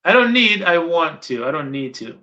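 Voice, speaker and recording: A man's voice: fairly high pitch, big pitch swings, moderate pace, bright, forceful tone. A middle-aged man from Guyana, chatting casually as an interviewer, rambling and repeating his points for emphasis. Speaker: interviewer and channel host. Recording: dull lo-fi sound.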